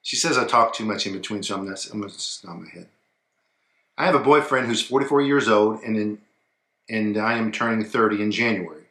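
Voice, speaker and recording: Man, low voice, bright tone, relaxed advice chat, echoey room. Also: a little fast. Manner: relaxed, trails off quietly, many fillers. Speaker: co-host of an advice show. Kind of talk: casual advice chat and reading a viewer email.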